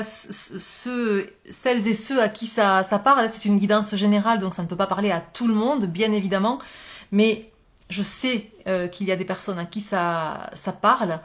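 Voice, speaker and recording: A woman giving a spiritual love card reading, with a gentle, reassuring manner, thinking aloud as she goes. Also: medium pitch, normal speed. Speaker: oracle card reader.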